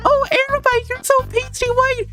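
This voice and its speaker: A woman's voice: very high voice, flat delivery, normal speed, a bit bright, faint music behind, voice pushed up. A woman putting on a teasing, singsong voice to imitate her chat mocking her. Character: mocking high-pitched singsong taunter.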